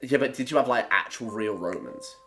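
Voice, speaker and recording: A man's voice: medium pitch, a little fast, fairly bright tone, soft background music. A young man in his twenties co-hosting a casual chat, sarcastic and sweary, with mocking asides. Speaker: co-host.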